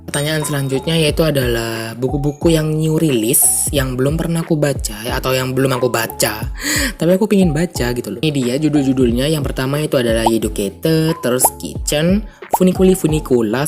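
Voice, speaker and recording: Young man, Indonesian accent, congested stuffy nose, mid-pitched, informal vlog chat, music behind. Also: fairly quick. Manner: informal, chatty, mixes in English phrases. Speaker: book vlogger. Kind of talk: casual chat to viewers.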